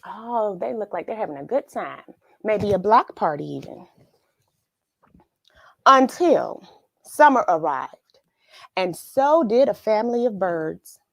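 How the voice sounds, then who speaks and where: Picture-book reading and friendly livestream hellos come from a woman whose mid-range voice is expressive, unhurried, creaky and a bit bright, with long pauses. Hosting the children's read-along, she's casual and effusive, sing-song and fond of repeating words. The recording is dry.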